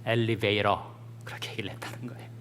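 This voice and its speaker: A Korean pastor delivering a sermon, telling folksy jokes and stories, then reading scripture with rising fervor. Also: male voice, mid-range voice, animated, unhurried, a bit bright, a little hiss or hum. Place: church sanctuary. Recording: long church reverb.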